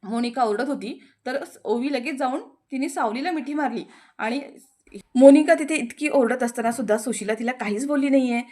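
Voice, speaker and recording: A woman's voice: high voice, fairly quick, dark tone. Chatty woman narrating a serial recap. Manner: chatty, addresses listeners as friends. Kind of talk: storytelling recap voice-over.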